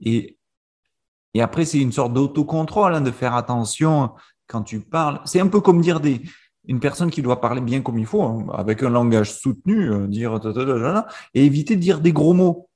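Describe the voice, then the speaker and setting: A man's voice: mid-range voice, moderate pace. Man stammering through casual questions. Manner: stammering, repeats words, lively questions. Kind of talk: casual conversation.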